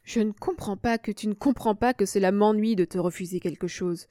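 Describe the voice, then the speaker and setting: A woman reading the part of a cordial but stubborn country gentleman who refuses firmly and kindly. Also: mid-range voice, fairly quick, no room sound, studio quality, lightly acted. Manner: firm but friendly refusals.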